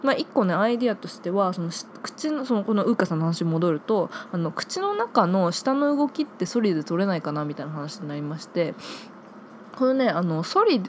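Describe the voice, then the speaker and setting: A woman's voice: fairly low pitch, big pitch swings, a little fast, slight background noise. A woman in her twenties hosting a solo podcast, chatting casually and reading listener mail, with many filler words. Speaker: podcast host.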